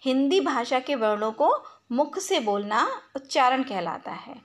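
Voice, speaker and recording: A woman teaching a recorded class, her voice sitting high. She explains each point slowly, repeats it, and asks questions that she then answers herself. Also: animated. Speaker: school teacher.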